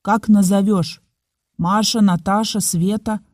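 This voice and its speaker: A woman's voice: medium pitch, steady tone, slow, a little mellow, no room sound, studio quality. A woman voicing a brusque male doctor who barks short orders. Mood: gruff. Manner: curt barked orders.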